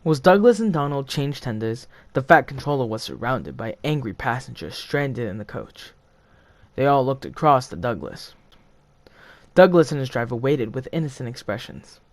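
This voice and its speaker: A man's voice: mid-range voice, very animated, moderate pace, dry recording. A man reading aloud as narrator of a children's story reconstruction, with casual asides.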